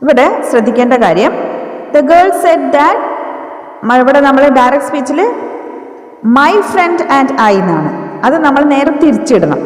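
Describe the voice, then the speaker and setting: Woman grammar teacher, unhurried and animated, heard from across a reverberant room. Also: on the high side. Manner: mixes Malayalam explanation with slow, spelled-out English dictation. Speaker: English teacher. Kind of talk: grammar lesson, dictating example sentences slowly. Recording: echoey room, voice from a distance.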